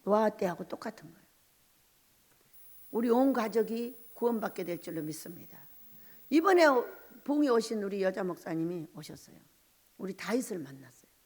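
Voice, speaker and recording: A woman's voice: medium pitch, lively intonation, moderate pace, long pauses, darkish tone. A middle-aged woman pastor giving an emphatic sermon full of rhetorical questions, in a mountain church. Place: church sanctuary at a mountain prayer retreat. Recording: long hall reverb.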